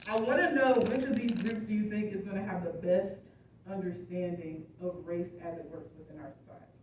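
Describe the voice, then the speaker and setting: A college instructor gives a classroom lecture, walking through the material step by step and frequently checking that students are keeping up. Her mid-range voice is steady, brisk, and somewhat dark. It was captured on a distant phone in an echoey classroom with background noise.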